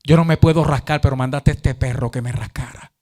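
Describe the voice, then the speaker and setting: A man's voice: mid-range voice, fairly even intonation, fairly quick, a little mellow, pitched below the performer's own voice, natural voice. A man preaching, voicing a poor, sick male beggar who humbly thanks God in prayer. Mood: grateful.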